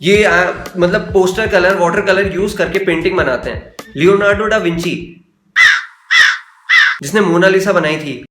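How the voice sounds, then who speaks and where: A man's voice: high voice, moderate pace, long pauses, reverberant, noisy background. A young man hosting a comedy roast with crude, sarcastic ranting. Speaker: host.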